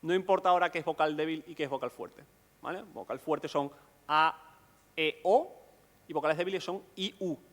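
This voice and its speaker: Male lecturer, fairly high voice, patient explainer, echoing hall sound. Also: normal speed, fairly bright tone. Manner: explanatory, asks rhetorical questions. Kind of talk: conference lecture.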